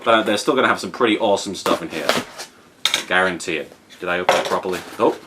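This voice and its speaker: Low-voiced and quick, a British man in his 30s hosts an unboxing vlog indoors in his apartment. Room noise is clearly audible as he rambles playfully, mock-serious and repeating himself for emphasis.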